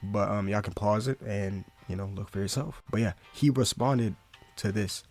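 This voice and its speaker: A man's voice: fairly low pitch, moderate pace, a little mellow, faint music behind. A young man giving casual, rambling commentary full of slang, calling everyone "bro". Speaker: commentary YouTuber.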